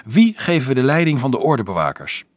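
A man's voice: mid-range voice, sing-song, fast talker, no room sound, clean studio sound, voice pushed up, close to an everyday voice. A man voicing a resolute teenage boy leader who lays out plans firmly in an audiobook. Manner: firm, explaining, sometimes angry.

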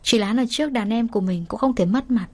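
A woman reading a romance novel aloud as an audiobook narrator, in a steady, even storytelling manner. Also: a little high, fast.

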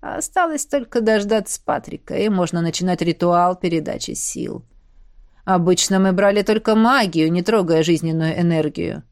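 A woman reading an audiobook, voicing a mad, cruel villainous queen who taunts slowly and savors her words. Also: lowish voice, a little mellow, no echo, clean studio sound, natural voice. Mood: gloating. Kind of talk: audiobook character voice.

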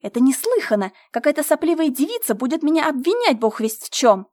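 A woman voicing a blustering, thieving middle-aged male estate manager who shouts in loud indignation, in an audiobook. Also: fairly high pitch, fairly quick, dry recording, clean studio sound, lightly acted. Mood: outraged.

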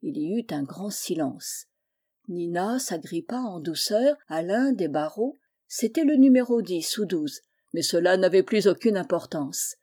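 A woman reading a children's Christmas tale aloud in a gentle, measured way. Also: fairly low pitch, expressive. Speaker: storyteller.

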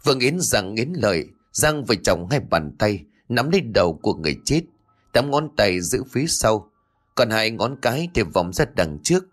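A man's voice: fairly low pitch, sing-song, moderate pace. A man narrating a horror story in a dramatic, tense read. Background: faint music.

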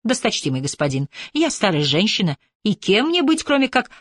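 A woman's voice: mid-range voice, sing-song, dry recording, studio quality, pitched above the performer's own voice. A woman narrator voicing a frightened, humble old servant woman who pleads her innocence. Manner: anxious pleading, hurried protest.

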